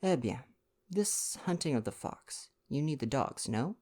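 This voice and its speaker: A man's voice: mid-range voice, expressive, a little slow, mellow, voice pushed up. Man putting on Hercule Poirot, pompous detective. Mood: lecturing. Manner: pompous, emphatic, formal phrasing. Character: fussy, vain Belgian male detective, proud and theatrical.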